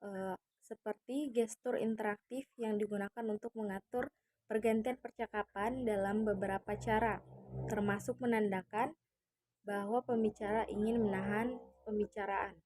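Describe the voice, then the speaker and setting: A woman student giving a measured class presentation, switching between English and Indonesian. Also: medium pitch, steady tone, a little mellow, no room sound, rough recording.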